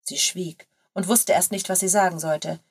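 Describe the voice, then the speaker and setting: A woman's voice: lowish voice, steady tone, moderate pace, slightly rough. Woman reading a story aloud. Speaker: narrator.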